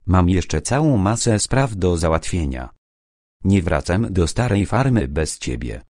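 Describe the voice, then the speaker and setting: Audiobook: man voicing a bossy, chatty young woman, brisk and insistent, deep and slow. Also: sing-song, darkish tone, no echo, studio quality, exaggerated voice. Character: bossy, lively young woman, a busy friend.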